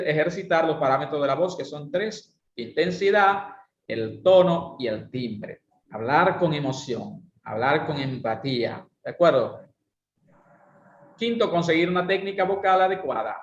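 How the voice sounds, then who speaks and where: A man's voice: mid-range voice, highs cut off. Man teaching a voice class, roomy sound. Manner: didactic, asks rhetorical questions. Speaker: voice and speaking instructor. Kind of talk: online class lecture with exercises.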